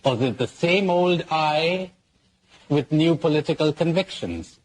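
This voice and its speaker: A man's voice: on the high side, expressive, a little slow, a little hiss or hum, rough recording. A man, a priest, giving a spiritual conference talk, posing questions and repeating key words for emphasis, with jokes woven in.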